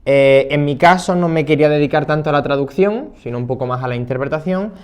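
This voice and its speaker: This young man in his twenties, a Spanish-speaking interpreting student, chats casually and hesitantly, with lots of fillers and restarts. His voice is a little high and smooth, and he talks fast.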